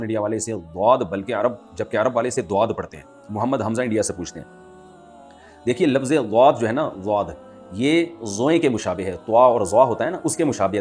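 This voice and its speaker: A man, an Islamic scholar answering listeners' questions in a lecturing manner and reciting Arabic lines slowly. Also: on the low side, a little mellow. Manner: lecturing, quotes Arabic verse slowly and clearly. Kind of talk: religious Q&A talk.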